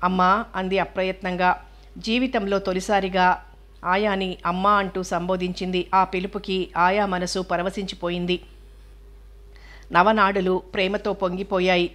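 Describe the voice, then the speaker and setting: A woman narrating a novel as an audiobook in an even, measured storytelling manner. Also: lowish voice.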